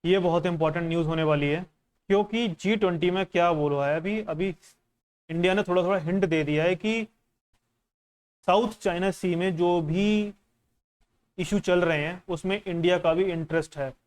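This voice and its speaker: A man coaches exam students in a casual lesson, walking the listener through a newspaper in a conversational, instructive way and slipping in English phrases. His voice is high-pitched, clear, and resonant, at a moderate pace.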